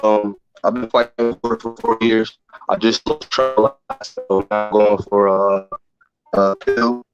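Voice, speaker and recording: Low man on a robotic, glitchy call line. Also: level tone, dull audio, over music. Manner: halting, with many ums and restarts. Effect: robotic, glitchy, bitcrushed digital call audio. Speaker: caller. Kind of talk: call-in to a live stream.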